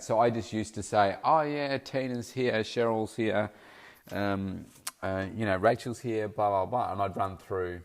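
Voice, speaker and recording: Slightly nasal from hay fever, this middle-aged man speaks in a somewhat low voice on his solo podcast, where he works as a weight loss coach. His talk is loose and casual, full of mid-sentence self-corrections as he thinks aloud.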